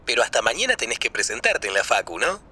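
A man voicing a young Argentine man chatting in a scripted lesson dialogue, quick and casual in his Argentine Spanish. His voice is bright and swoops widely. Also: mid-range voice, big pitch swings, breathy edge, exaggerated voice. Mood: friendly.

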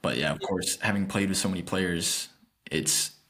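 A man's voice: sits low, normal speed, a bit bright. A man hosting a podcast, asking questions casually and hesitantly, restarting phrases often. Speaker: podcast host.

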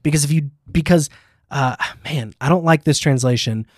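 Male podcast host, conversational and emphatic, slightly high pitch, very dry close sound. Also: normal speed, a little mellow, dry recording. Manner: conversational, emphatic, many fillers and restarts. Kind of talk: casual faith discussion.

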